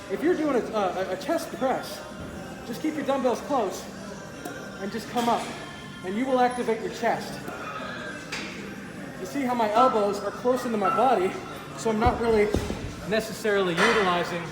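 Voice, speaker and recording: A man speaking through a face mask, giving casual, halting workout instruction in a gym vlog. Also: high voice. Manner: informal, halting, self-correcting explanations. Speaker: fitness video creator, host. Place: indoor gym. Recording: echoey gym, loud music behind. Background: loud music.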